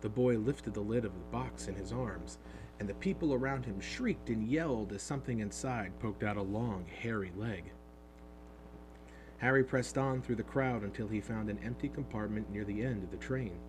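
A man narrating a storybook in an expressive, animated reading, heard over a steady hum. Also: fairly low pitch, moderate pace. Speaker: audiobook narrator.

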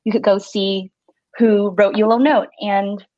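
A Singaporean woman in her thirties, a stationery shop owner appearing as a guest, chats casually and warmly in an interview, using lots of fillers. Her medium-pitched voice is level, dark, and moderately paced, in a dry, lo-fi recording.

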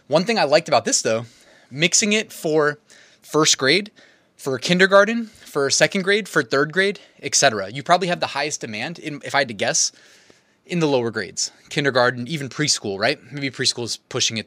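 A young adult man, out of breath, chats loosely about his niche research over a screen share, laughing at himself as a YouTuber. His voice is medium-pitched and sharp, with no echo.

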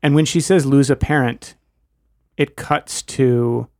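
A man's voice: mid-range voice, steady tone, slow pace, darkish tone, no echo, studio quality. A man co-hosting a podcast, talking through a TV episode in a thoughtful, analytical, wordy way. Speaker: podcast co-host. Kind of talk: casual chat.

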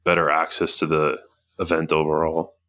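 A man co-hosting a podcast, chatting casually and telling stories in a relaxed way. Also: rumbling low, moderate pace. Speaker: podcast co-host. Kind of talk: casual chat.

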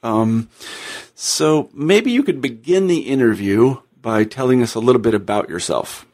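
An American man hosts an interview in a conversational style. His voice sits at an average pitch, and he often doubles back on words while shaping a thought. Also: lively intonation, darkish tone. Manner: halting, repeats words as he goes. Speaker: podcast host, interviewer.

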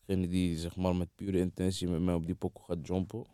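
A man's voice: deep voice, little pitch movement, brisk, mellow, smooth, no room sound, clean studio sound. A man with a Moroccan-Dutch street accent chatting casually as an interviewed artist, his speech full of street slang, bro and wallah. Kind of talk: casual chat.

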